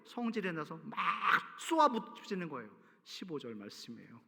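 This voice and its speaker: High, animated male pastor preaching. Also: moderate pace, gravelly. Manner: animated storytelling, cues the congregation to read aloud. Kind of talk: sermon. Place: large church sanctuary. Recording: reverberant church hall.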